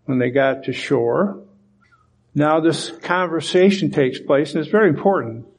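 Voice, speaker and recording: A man's voice: fairly high pitch, measured pace. A man preaching a sermon, reading scripture aloud and explaining it with emphasis. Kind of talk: sermon Bible teaching.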